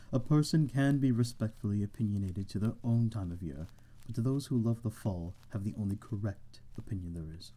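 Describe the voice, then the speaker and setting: In a rough recording from an echoey room, a man with a lowish, warm, natural voice speaks at a moderate pace. He plays a courteous, lonely vampire lord in an amateur ASMR audio drama, his genteel, formal delivery slightly hesitant and full of old-fashioned wording. The mood is serene and refined.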